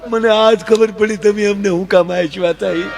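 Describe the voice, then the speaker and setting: A man's voice: high-pitched, fairly even intonation, moderate pace, vocal fry, noisy background, pitched above the performer's own voice. A man voicing a young newlywed son-in-law who complains plaintively. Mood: rueful.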